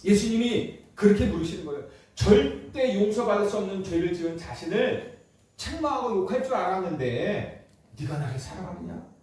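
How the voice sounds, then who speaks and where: A man preaches a Sunday sermon in a high, carrying voice. He acts out quoted speech with surging emphasis. His voice rings through a reverberant church sanctuary, picked up from some distance. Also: lively intonation, moderate pace, darkish tone. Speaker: pastor. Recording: echoey church hall, mic at a distance.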